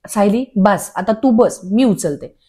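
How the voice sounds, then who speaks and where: A woman's voice: mid-range voice, slow pace, mellow, lightly acted. A woman voicing a fussy, clumsy, melodramatic middle-aged mother who drags out her words.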